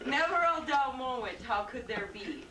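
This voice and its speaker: A woman reading a rhyming tribute poem to her family in a measured way, heard on an old VHS home video. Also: sits high, sing-song, a crowd in the background. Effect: old VHS home video sound. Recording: hissy, distant, roomy home video tape.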